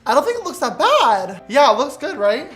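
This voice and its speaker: Giggly drunk high-voiced man. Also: huge pitch swings, normal speed, a bit bright, faint music behind. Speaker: beauty vlogger. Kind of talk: casual makeup tutorial chat.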